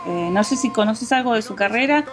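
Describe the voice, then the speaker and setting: A co-host with a Rioplatense Argentine Spanish accent tells anecdotes in a casual chat, full of fillers, hesitations and restarts. Her voice is on the high side and brisk, with music playing in the background.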